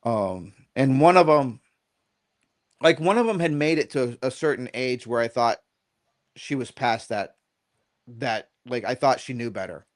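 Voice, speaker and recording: This middle-aged man speaks at medium pitch, a little slowly, with long pauses, appearing on a podcast as a dog trainer. Casual and rambling, he checks in with "right?" and animatedly performs quoted lines within his stories.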